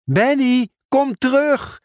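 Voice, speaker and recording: A bright, cheerful storybook postman, kind and always in a hurry to help, voiced by a man reading the tale. He calls out eagerly in a raised, bouncy voice that swoops up and down. The recording is close and dry. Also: high-pitched, big pitch swings, takes it slowly, no room sound, voice pushed up, heavily acted. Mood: urgent calling. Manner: eager, calling out. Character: cheerful helpful male postman, brisk and caring.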